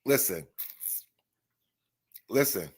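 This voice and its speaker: A man's voice: lowish voice, animated, very slow, husky. A man hosting a live chat stream, talking emphatically and often repeating himself. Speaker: host.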